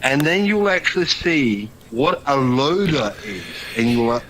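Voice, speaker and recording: A man talking casually over a headset mic in a VR game. He rants and teases in crude, profane words. His pitch sits in the middle, with faint noise behind him. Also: lively intonation, unhurried, a bit bright, low-quality recording. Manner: crude, ranting, teasing. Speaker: VR social game player. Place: online voice chat in a VR game.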